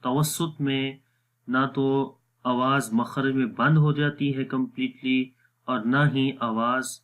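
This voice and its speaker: A young man gives a recitation lesson in an even, middle-pitched voice. He speaks very slowly and patiently. He stretches single sounds out long so a learner can copy them. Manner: drawn-out demonstrative pronunciations of letters. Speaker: Quran recitation teacher. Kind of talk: slow explanatory lesson.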